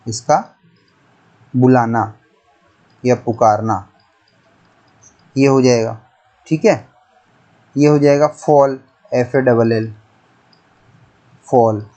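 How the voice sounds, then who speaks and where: A male teacher leads a grammar lesson at a slow, deliberate pace. He repeats each example and spells it out letter by letter, steady and methodical in his explanations. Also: medium pitch, lo-fi sound. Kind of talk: classroom-style lesson explaining pronunciation.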